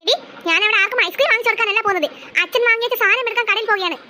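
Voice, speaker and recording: A woman's voice: very high voice, racing, pushed and bright, slight background noise, full character voice. A woman voicing an exasperated mother of two girls in a cartoon, nagging and scolding. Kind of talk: cartoon voice acting.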